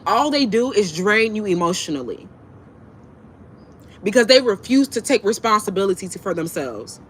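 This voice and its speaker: High-pitched, animated woman talking while eating. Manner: blunt, profane, slangy, emphatic repetition. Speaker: livestream host talking to viewers. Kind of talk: casual, impassioned monologue to viewers. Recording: clear background noise.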